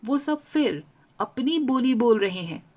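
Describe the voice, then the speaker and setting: A woman narrating a story in first person as a young girl, with an expressive reading. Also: a little high, measured pace.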